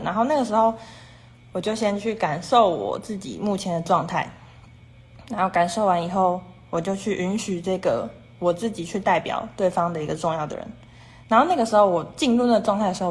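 A woman hosting a casual livestream, talking in long rambling runs strung together with "and then" and chatting with viewers about their comments. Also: on the low side. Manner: rambling and repetitive, strings clauses with "and then". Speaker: livestream host.

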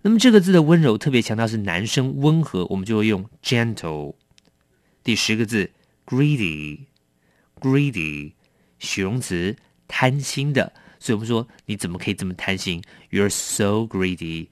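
Man teaching English vocabulary, slightly low-voiced. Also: big pitch swings, fairly quick, hardly any pauses, dry recording, clean studio sound. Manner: explains each word, repeating it several times. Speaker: English teacher and program host. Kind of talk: radio English lesson.

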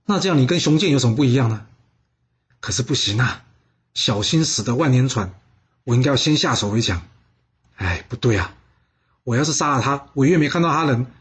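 A man's voice: fairly high pitch, breathy edge. A man voicing a fugitive male general who frets aloud and wails in despair.

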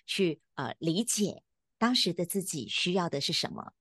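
Low-voiced woman host. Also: lively intonation, moderate pace, fairly bright tone, husky, no echo, clean studio sound. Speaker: podcast host and teacher. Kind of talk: encouraging interview chat.

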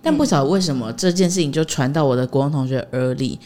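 A woman's voice: rumbling low, quick pace, mellow. A young woman with a Taiwanese Mandarin accent, co-hosting a casual podcast chat and making dry, teasing remarks. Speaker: podcast co-host.

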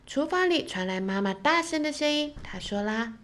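Slow, gentle woman storyteller. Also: high voice, animated. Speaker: Japanese teacher and show host. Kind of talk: translating a children's story for learners.

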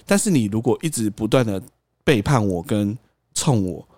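A man's voice: lowish voice, expressive, moderate pace, darkish tone, dry recording. A young man telling a workplace story on a podcast, acting out quotes and laughing often. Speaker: podcast host. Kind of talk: casual storytelling chat.

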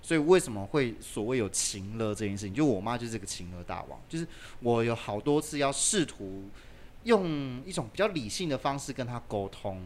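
Man, podcast guest, lively pitch, filler-heavy storytelling. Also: a little fast, a little hiss or hum. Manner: animated, lots of "就是" fillers. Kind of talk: casual storytelling in a podcast interview.

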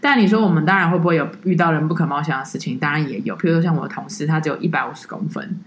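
Speaking very fast in a deep voice, a woman co-hosts a casual podcast, recounting her tour-leading work and impersonating the people she quotes. The room is echoey, and her storytelling is animated.

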